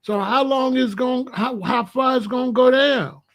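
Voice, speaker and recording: A man's voice: very high-pitched, fairly even intonation, moderate pace, fairly bright tone. A middle-aged or older American man chatting casually to his online viewers, colloquial and emphatic, repeating phrases for stress. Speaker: online video host. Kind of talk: casual livestream chat warning viewers about weather.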